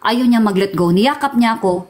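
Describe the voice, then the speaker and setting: A middle-aged woman from the Philippines giving an emotional personal testimony as an interview guest, pausing, repeating and restarting her words. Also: a little high, darkish tone, a little hiss or hum, rough recording. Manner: halting, repeats and restarts words, mixes Tagalog and English.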